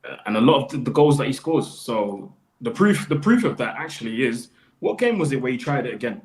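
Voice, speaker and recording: A man's voice: mid-range voice, sing-song, a little fast, poor audio. A man chatting casually as co-host of a football show.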